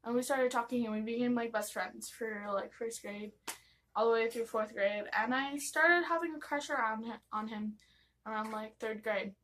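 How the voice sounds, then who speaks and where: A young woman with an American accent and a fairly high voice shares a casual, confessional storytime. Her delivery is gossipy and giggly, rambling along and slipping into quoted dialogue like she is confiding in friends. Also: normal speed, a bit bright, a little hiss or hum, low-quality recording. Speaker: vlogger telling personal stories.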